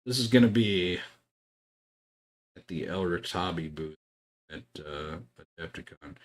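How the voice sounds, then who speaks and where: A man's voice: sits low, unhurried. A young man streaming while he paints, telling stories in a laid-back way with swearing and chuckles. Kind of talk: casual chat while hobby painting.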